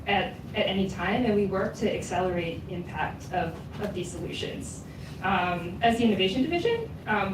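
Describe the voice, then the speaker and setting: A woman on a conference panel giving prepared remarks, earnest, with frequent "um" fillers. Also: medium pitch. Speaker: conference panelist from a development agency. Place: conference hall. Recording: echoey hall, mic far off, background noise.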